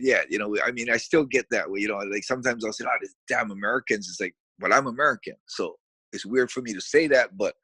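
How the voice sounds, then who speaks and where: A middle-aged Hawaiian man speaks as an interview guest, easygoing and rambling, doubling back on his words. His voice sits at an ordinary middle pitch. The recording is dry and close, with no room sound. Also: husky, dry recording. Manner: relaxed, rambling, frequent restarts. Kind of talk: casual interview talk.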